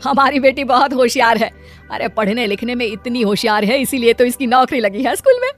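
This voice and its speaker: A woman plays a middle-aged mother in a moral-story cartoon. Her voice is fairly high, over light music. She nags in a scolding, exasperated manner. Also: expressive, brisk, lightly acted. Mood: eager.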